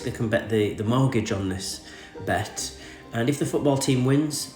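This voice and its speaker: A man's voice: mid-range voice, darkish tone. Groggy English man with a cold, echoey room. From England. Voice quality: slightly groggy, congested from a cold. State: sore throat from a cold. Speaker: podcast host and crypto news commentator. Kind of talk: reading an article aloud with off-the-cuff commentary.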